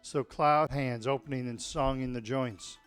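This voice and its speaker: A male tai chi instructor explains principles informally in a mid-pitched voice. He is encouraging and often checks that his students follow. Music plays behind his voice. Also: steady tone, unhurried, clear, resonant tone. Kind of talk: informal spoken class instruction.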